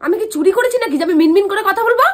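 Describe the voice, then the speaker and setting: A woman playing a wife in a scripted domestic squabble, loud, defiant and argumentative. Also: very high voice, very fast. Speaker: wife in a comic couple skit.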